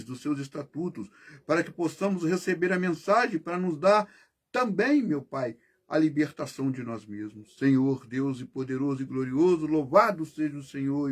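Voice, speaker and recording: A man leads a prayer and opens his sermon, speaking from his own room at home. His voice sits high for a man. He runs through long, rapid lists of praise in a soft, low-key tone. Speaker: preacher.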